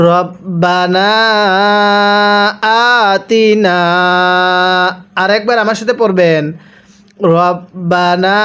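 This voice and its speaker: A man from Bangladesh teaching Quran reading, spelling out words and reciting verses slowly, then explaining the rules in brisk bursts. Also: high voice. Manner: patient, drawn-out recitation alternating with brisk explanation.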